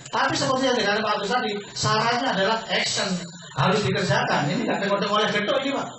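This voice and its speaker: A man giving a persuasive business sales pitch to a seminar audience, asking questions and answering them himself. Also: racing. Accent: Indonesian. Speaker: business presenter. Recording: echoey room from far off, faint noise.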